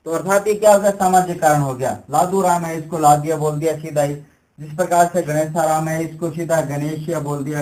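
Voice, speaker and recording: Give me a higher-pitched man teaching like a lecturer. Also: darkish tone, poor audio. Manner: repetitive, rhetorical questions, explaining step by step. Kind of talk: exam-prep lecture.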